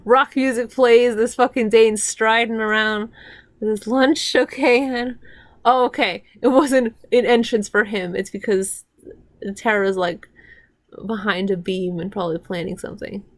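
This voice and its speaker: A woman whose voice is on the high side, with fairly even intonation and a measured pace, gives casual watch-along commentary as a reaction commentator. She rambles through scene recaps with restarts, getting heated and swearing when annoyed.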